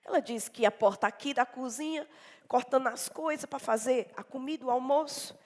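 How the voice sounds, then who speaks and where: A woman preacher giving a sermon in a church, telling a story dramatically and swinging between loud and hushed delivery. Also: sits high, moderate pace. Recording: echoey church hall.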